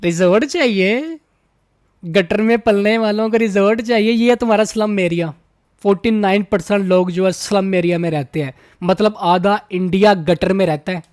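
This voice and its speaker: A man's voice: high-pitched, moderate pace, a little mellow, dry recording, clean studio sound. A man hosting a roast video, mocking and insulting in a ranting tone. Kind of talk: roast commentary.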